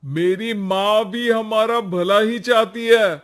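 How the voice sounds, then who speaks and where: Rajesh, an easygoing young husband. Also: male voice, fairly high pitch, slow pace. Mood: defensive. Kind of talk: cartoon voice acting.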